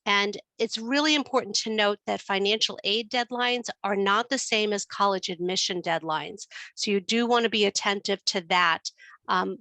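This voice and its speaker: Woman, New York accent, webinar presenter, steady explanations, frequent ums, bright voice, dry sound. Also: medium pitch, no room sound. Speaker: financial aid presenter. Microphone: computer mic on a video call.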